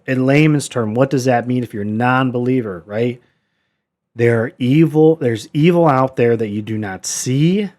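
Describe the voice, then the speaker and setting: A man teaching a Bible study in a relaxed, unscripted way. His voice sits in an ordinary middle pitch, and he turns earnest and exhorting as he talks, with frequent fillers and restarts. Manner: conversational, many fillers and restarts. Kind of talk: casual Bible study talk.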